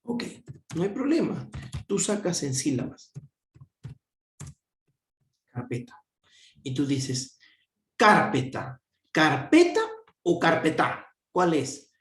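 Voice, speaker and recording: A man teaches a grammar lesson in an echoey room. He talks slowly, drawing out the syllables. His voice rises and falls a great deal as he asks questions and answers them himself. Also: on the high side, very animated.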